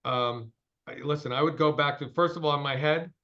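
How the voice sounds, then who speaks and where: A man's voice: a little high, brisk, highs cut off. A man in his sixties, a company CEO, giving a straight-talking, emphatic interview over a call. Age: 60s.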